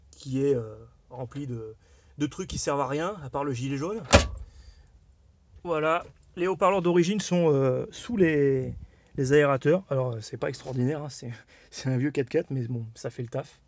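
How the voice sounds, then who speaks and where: A man's voice: fairly high pitch, moderate pace, a little hiss or hum. A man casually showing his old four-by-four, chatty and loose, with lots of fillers and restarts. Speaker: car owner presenting his vehicle. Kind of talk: casual walkaround presentation.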